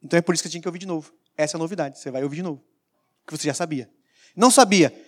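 Emphatic pastor preaching. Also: male voice, a little high, rapid-fire. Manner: emphatic preaching with sudden loud peaks and quiet asides. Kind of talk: sermon.

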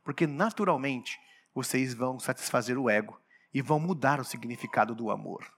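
A man preaching a sermon, emphatic, swinging between quiet asides and loud declarations, often asking the congregation rhetorical questions. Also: mid-range voice, brisk.

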